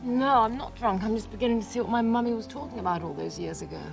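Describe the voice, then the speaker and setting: A woman playing a prim, sensible young British agent, speaking crisply and properly. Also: a little high, quick pace, faint music behind.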